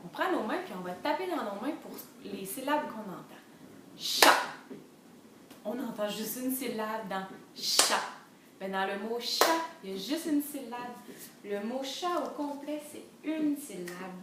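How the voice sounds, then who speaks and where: A woman reading a picture book aloud to toddlers, with a sing-song storytelling manner and slow, letter-by-letter teaching of syllables. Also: a little high, lively intonation, background noise. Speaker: children's librarian reader. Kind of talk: enriched read-aloud for toddlers with phonics teaching. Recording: echoey room, mic at a distance.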